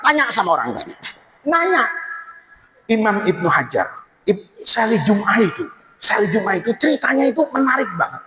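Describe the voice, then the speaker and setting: High-voiced, lively male preacher. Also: a little fast. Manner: lively, swings between high shouts and low asides. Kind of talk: humorous storytelling sermon. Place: large religious hall. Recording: echoey hall, faint noise.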